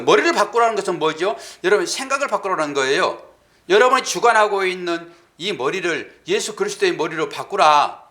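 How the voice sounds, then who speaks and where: A middle-aged man preaching a sermon in a casual, conversational way, his voice bright and ringing. He talks directly to the congregation with questions. His pitch swings widely as he goes. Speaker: pastor.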